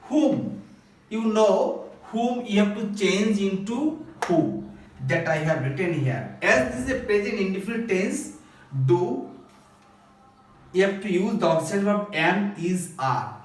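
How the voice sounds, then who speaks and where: A man with a Bangladeshi accent teaches English grammar step by step, going phrase by phrase in a repetitive, instructional way. His voice sits high and is expressive, with a measured pace. The recorded lesson sounds echoey, with a distant microphone and a little hiss or hum.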